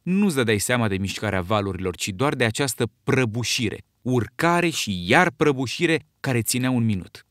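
A man reading an audiobook in a measured, steady storytelling voice. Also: mid-range voice, dry recording, studio quality. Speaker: audiobook narrator. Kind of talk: scripted narration.

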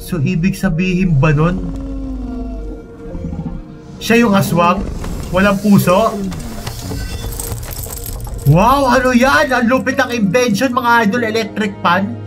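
A man hosting a reaction video, commenting on an animation in an animated, alarmed way, yelping and calling out to his viewers. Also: high voice, slow pace, long pauses. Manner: animated, yelps and shouts in alarm, addresses viewers as idols. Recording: music playing loudly behind.

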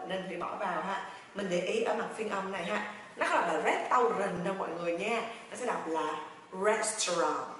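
A woman teaching a pronunciation lesson, chatty and encouraging, drilling words by repeating them slowly and then quickly. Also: medium pitch. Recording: echoey room, heard from a distance, faint noise.

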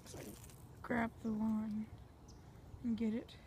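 A woman talks casually into a handheld phone while fishing outdoors, rambling to her viewers in a slightly high voice. Faint nature noise sits behind her speech. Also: monotone, slow. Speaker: fishing vlogger. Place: outdoors at a pond bank.

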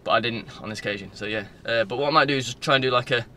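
A Northern English man in his 20s vlogs casually into a phone held at arm's length inside a parked car. His bright, mid-pitched voice races as he rambles loosely from one thought to another, with faint background noise.

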